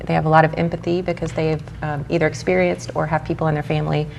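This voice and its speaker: A Mexican program director in her forties answers interview questions earnestly and enthusiastically, with filler "ums." Her low, slightly mellow voice has vocal fry, a flat delivery, and a quick pace, and there is faint background noise.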